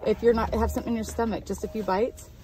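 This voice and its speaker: A woman's voice: fairly high pitch, fairly even intonation, fast, a loud crowd. A middle-aged American woman, a mother talking casually to her child inside a car. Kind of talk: casual chat.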